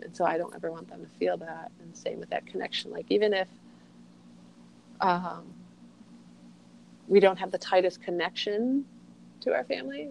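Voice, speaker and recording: A woman's voice: on the low side, vocal fry, a little mellow, a little hiss or hum, low-quality recording. A middle-aged woman talking in a reflective, rambling way as an interview guest, peppering her speech with "like.". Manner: rambling, heavy use of "like". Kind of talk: reflective casual conversation.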